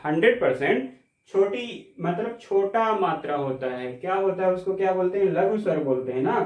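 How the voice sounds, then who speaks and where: Male Hindi teacher, classroom lecture, high voice, stretches sounds to demonstrate, echoey room. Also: animated, darkish tone, recorded from a distance. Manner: explains step by step, checks understanding with questions; speaks sounds slowly and stretched when demonstrating. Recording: echoey room, mic set back.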